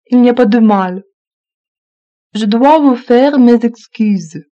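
Slow, mellow woman reading phrases. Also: a little high, muffled recording. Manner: reads each phrase twice, evenly. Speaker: French phrase reader.

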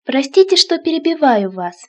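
A woman with a high voice reads short phrases aloud one by one. Her delivery is clear and measured. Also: sing-song, darkish tone. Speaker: Russian phrase reader. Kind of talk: phrasebook reading.

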